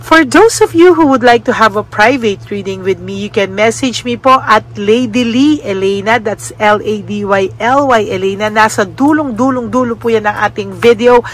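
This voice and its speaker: Soft-spoken Filipino woman doing a reading. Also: fairly high pitch, normal speed, hardly any pauses. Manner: gentle, adds frequent "no?" tag questions. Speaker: tarot card reader. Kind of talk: casual spoken reading to viewers.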